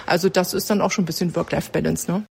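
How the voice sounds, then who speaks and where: Female trainer, low flat gravelly voice, quick, faint background noise. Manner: quick, with fillers. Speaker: bank trainer. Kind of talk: interview clip.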